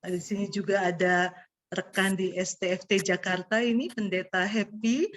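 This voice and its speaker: A woman who cannot roll her r, so it sounds soft and unclear, presenting interactively as a guest speaker to an online audience. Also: medium pitch, steady tone, moderate pace. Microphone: video call. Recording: dull lo-fi online call audio.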